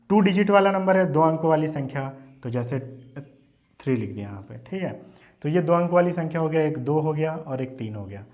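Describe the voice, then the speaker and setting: A man's voice: fairly high pitch, a little mellow. A man teaching a maths lesson in Hindi, mixing in English terms and often checking in with "okay?". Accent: Hindi, Indian. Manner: repeats "ठीक है" and "है ना" as check-ins, mixes English terms into Hindi. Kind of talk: classroom lesson explaining number places.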